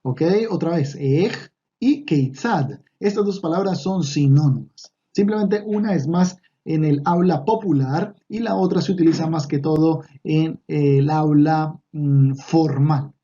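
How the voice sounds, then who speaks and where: A man's voice: fairly high pitch, measured pace, mellow, muffled recording. A man teaching an online Hebrew lesson, patiently repeating words with fillers and restarts.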